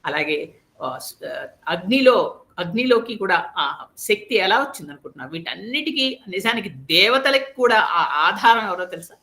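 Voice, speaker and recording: A woman storyteller voicing a steady queen who earnestly consoles her grieving co-wife. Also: mid-range voice, moderate pace. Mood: consoling. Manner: earnest, persuasive, reassuring.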